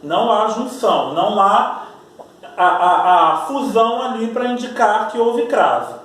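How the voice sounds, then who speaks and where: A male Brazilian school teacher giving a slow grammar lesson, repeating his points and checking in with the class. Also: high-pitched, lively intonation, a bit bright, far from the mic. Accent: Brazilian Portuguese. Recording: very echoey room, voice from off-mic.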